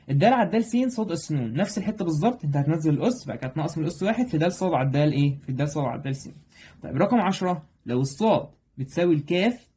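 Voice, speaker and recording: A young man with an Egyptian accent runs through a math review at a very fast clip. His voice is husky and mellow, sitting a little high for a man. He keeps stopping to check that his students are following. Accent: Egyptian Arabic. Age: young adult. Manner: rapid, keeps checking in with "تمام؟". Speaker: math tutor. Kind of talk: exam review lesson.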